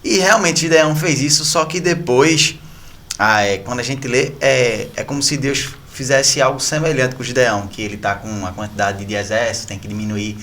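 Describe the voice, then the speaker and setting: Homem de voz brilhante fazendo perguntas. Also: male voice, mid-range voice, moderate pace, a bit bright, a little hiss or hum. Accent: Brazilian Portuguese. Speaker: podcast co-host asking questions. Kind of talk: conversational interview questions.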